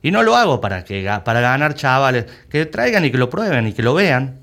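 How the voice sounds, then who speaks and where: In a conversational interview, an emphatic Argentine rugby club president keeps repeating words as he searches for them, his accent Argentine Spanish. His medium-pitched voice is sing-song, a little fast, and fairly bright.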